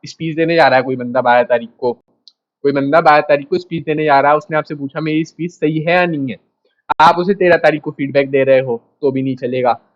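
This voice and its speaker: A man's voice: on the high side, highs cut off. A man teaching a class in a casual, direct way, repeating his points and talking straight to the students. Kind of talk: casual lecture.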